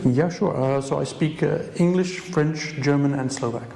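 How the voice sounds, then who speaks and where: Measured man in an echoey room. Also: fairly high pitch, vocal fry, warm tone. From Ireland. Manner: measured, articulate, some hesitations. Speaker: head of the language department. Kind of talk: interview answers. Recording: echoey room with faint noise.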